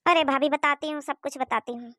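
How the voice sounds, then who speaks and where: A woman's voice: sits high, steady tone, a little fast, pushed and bright, no echo, clean studio sound. A woman voicing a young married daughter who explains and complains to her mother. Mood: complaining.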